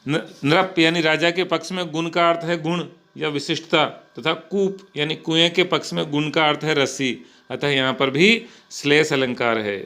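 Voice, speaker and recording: Bright-voiced man teaching. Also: a little high, fairly even intonation. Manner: recites verse slowly, then explains. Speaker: Hindi teacher. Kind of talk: explaining grammar lesson.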